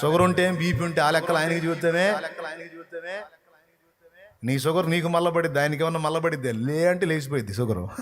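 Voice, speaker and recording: A man preaching a sermon as a pastor, passionate and forceful, swinging between loud outbursts and low, intense passages, often asking the listener pointed rhetorical questions. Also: a little fast, long pauses.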